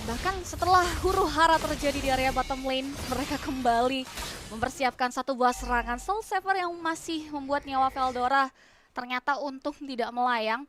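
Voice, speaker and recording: An Indonesian-accented woman giving live esports commentary in wordy, formal play-by-play phrasing. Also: on the high side. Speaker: esports shoutcaster.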